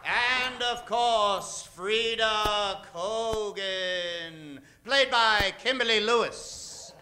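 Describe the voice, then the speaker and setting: A man's high-pitched, bright, forceful voice draws out words as he theatrically announces the cast of an old-time radio western. Music plays behind him, the recording carries a little hiss or hum, and his delivery is dramatic and emphatic, lingering on names.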